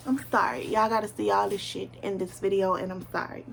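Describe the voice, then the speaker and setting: A woman's voice: mid-range voice, steady tone, fairly quick, creaky, slightly rough. A woman in her late twenties from the US South with a Southern accent, chatting casually to camera from her bedroom floor in a scattered, friendly way. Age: 20s. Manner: chatty, scattered, talks straight to viewers. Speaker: vlogger.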